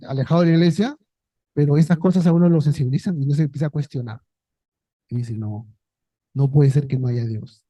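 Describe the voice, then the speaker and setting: This priest speaks in a fairly high, warm voice, giving a parish group a relaxed pastoral talk in Peruvian Spanish and frequently checking in with "¿no?" and "¿ya?". There's no echo, but the recording is muffled.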